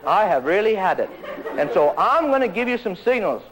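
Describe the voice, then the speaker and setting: A man giving an energetic tennis lesson, joking and acting out players' voices. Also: high voice, brisk, poor audio. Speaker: tennis coach. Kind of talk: energetic tennis instruction talk.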